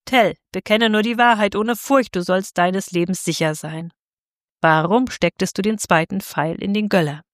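A woman's voice: mid-range voice, moderate pace, no echo, studio quality, close to an everyday voice. A woman voicing a cruel, scheming male tyrant bailiff who talks harshly and mockingly, in a storybook reading. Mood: probing.

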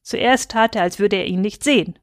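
A woman reading a children's Christmas story aloud in a gentle, expressive storytelling manner. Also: medium pitch, normal speed, no room sound, clean studio sound. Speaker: reader.

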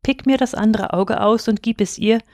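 A woman voicing a kind, sorrowful statue prince in a storybook reading, speaking gently and pleadingly. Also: fairly high pitch, normal speed, no room sound, studio quality, close to an everyday voice. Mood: tender.

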